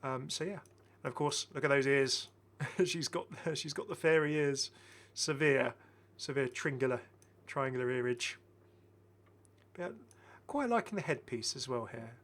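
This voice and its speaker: A middle-aged gaming video host gives enthusiastic, chatty commentary while showcasing game skins, often repeating his phrases. His medium-pitched voice is a bit bright and unhurried.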